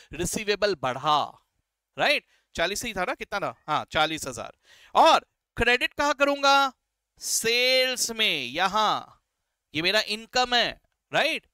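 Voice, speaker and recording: A man's voice: high voice, bright, forceful tone, clean tone, no room sound. A man teaching a beginners' accounting lesson, explaining step by step in a friendly, encouraging way and constantly checking "right?" and "okay?". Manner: friendly, encouraging, calls students "beta" and "sir". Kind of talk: classroom lecture mixing Hindi and English.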